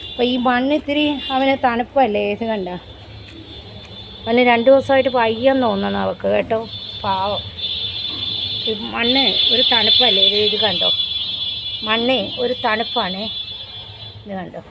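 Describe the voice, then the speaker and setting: A woman's voice: fairly high pitch, a little slow, gravelly, long pauses, background noise. A woman, chatting tenderly in a casual pet vlog, recorded outdoors at a house. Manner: chatty, tender, often coos to the dogs. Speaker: pet vlogger.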